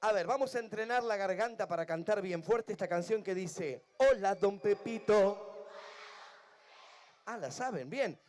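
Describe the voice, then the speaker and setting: A man's voice: high voice, expressive, fairly quick, hardly any pauses. A man with an Argentine Spanish accent, a children's entertainer chatting playfully with a crowd at an outdoor event. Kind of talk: live stage banter with a crowd.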